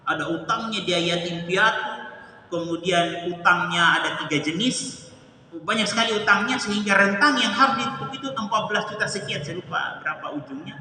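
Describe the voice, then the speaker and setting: A man's voice: sits high, fairly quick. A male preacher telling a story to his congregation, recorded from a distance in a hall. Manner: storytelling, grows emotional and loud. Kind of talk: religious talk. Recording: echoey hall, distant mic, faint noise.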